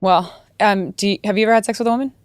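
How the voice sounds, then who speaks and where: A woman's voice: mid-range voice, steady tone, racing, no room sound. A woman guesting on a podcast in casual chat, teasing and incredulous, laughing often.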